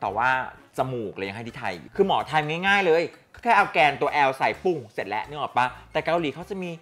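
A woman's voice: deep voice, big pitch swings. A woman guest telling stories in a casual gossip chat, frank and full of crude slang. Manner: fast, frank storytelling with crude slang and loud laughing outbursts.

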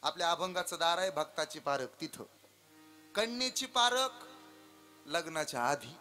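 A man preaching a devotional kirtan sermon before a live audience. He tells stories dramatically, dropping to hushed asides and then rising into loud declamation. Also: fairly high pitch, lively intonation, normal speed, faint music behind.

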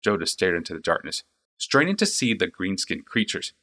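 A man narrating a fantasy audiobook with an expressive, varied delivery. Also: low-pitched, a little fast.

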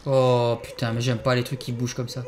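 Jumpy, swearing French game host. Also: male voice, medium pitch, a little fast, noisy background. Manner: excitable, swears a lot, yelps in fright then mutters. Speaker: gaming channel host. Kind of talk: horror game let's play commentary.

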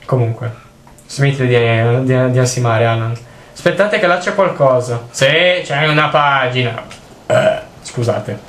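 A young man giving jokey, excitable let's play commentary while he plays, swearing often. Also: mid-range voice. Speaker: gaming video host. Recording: roomy with faint noise.

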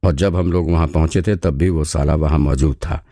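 A man voicing a gruff detective, deep and dark. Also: steady tone, dry recording, studio quality. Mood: intent. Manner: blunt, brisk, gruff. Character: sharp, blunt male detective, adult.

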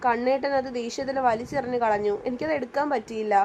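Woman doing a shy teary college girl, soft hesitant voice, higher pitch. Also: fairly even intonation, fast, slight background noise, lightly acted. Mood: tearful. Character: timid young college girl, tearful and shy.

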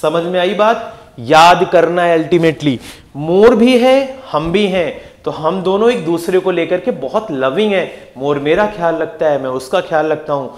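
Man, young adult, high voice, energetic exam-prep teacher, repetitive, quick questions to the class. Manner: lively, repeats words and asks quick questions to the class. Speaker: English vocabulary teacher.

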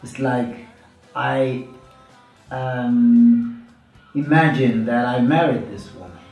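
A man in his thirties, a musician from Zambia, answering interview questions in a relaxed, unhurried way with fillers. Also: medium pitch, lo-fi sound. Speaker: musician guest. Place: small studio room, indoors. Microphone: studio mic on stand, headphones. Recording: roomy, slightly distant mic with music underneath.

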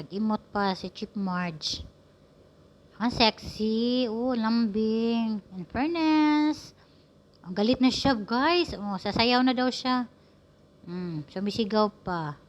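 Woman from the Philippines, unhurried casual voice-over, playful teasing, muffled lo-fi recording. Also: medium pitch. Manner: playful, teasing running commentary to viewers. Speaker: vlogger narrating a video.

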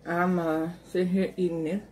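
A woman's voice: fairly low pitch, little pitch movement, normal speed, warm tone, slight background noise. A middle-aged woman vlogger chatting casually to viewers at home while eating, mouth partly full, rambling from one thought to the next. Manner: rambling, talks to viewers as y'all.

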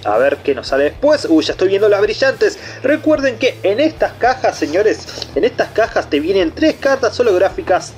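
A man's voice: sits high, big pitch swings, moderate pace, few pauses, a little mellow, soft background music. A chatty, enthusiastic man with an Argentine Rioplatense accent, rambling through casual unboxing commentary as the channel host. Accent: Argentine Rioplatense Spanish.

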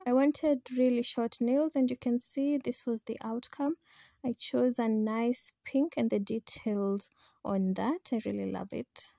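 A woman's voice: on the high side, fairly even intonation, unhurried, vocal fry, a little mellow, no room sound, studio quality. A young adult woman with a Kenyan accent, chatting to viewers in a casual voice-over for a travel vlog. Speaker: vlogger.

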